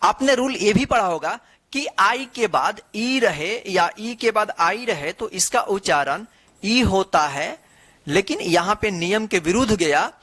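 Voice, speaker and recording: Slow, drilling woman teacher. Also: mid-range voice, expressive, fairly bright tone. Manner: drills words, asks and answers her own questions; spells words out letter by letter, slowly. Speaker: English teacher. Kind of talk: classroom-style reading lesson.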